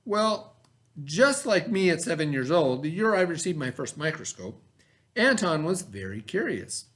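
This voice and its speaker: A teacher with a fairly high voice reads aloud to children during a lesson, his intonation swinging widely up and down. He emphasizes key terms, repeating them and adding simple explanatory asides in an expressive, educational way.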